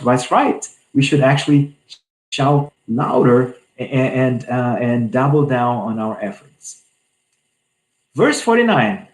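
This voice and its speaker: A man's voice: mid-range voice, darkish tone, roomy sound, poor audio. A man giving an earnest spiritual talk on a scripture passage, often restarting his phrases. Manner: earnest, repeats and restarts often, many fillers. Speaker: spiritist speaker.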